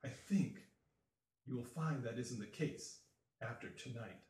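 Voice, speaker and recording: A man playing a scheming male usurper noble who speaks in a low guttural growl. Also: lively intonation, moderate pace, lightly acted. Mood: menacing. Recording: roomy, distant mic.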